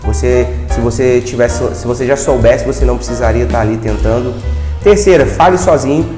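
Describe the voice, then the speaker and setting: A Brazilian man with a Brazilian Portuguese accent, a language teacher giving a casual video lesson, speaking straight to the viewer and often asking quick rhetorical questions. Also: mid-range voice, warm tone, faint music behind. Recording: echoey room with long reverb.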